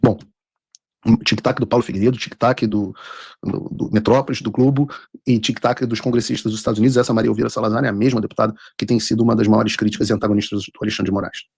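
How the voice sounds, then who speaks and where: Male live political host, Brazilian accent, husky tone, rapid delivery, close and dry sound. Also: lowish voice, steady tone, darkish tone, no echo. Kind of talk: live political commentary, reading out and translating texts.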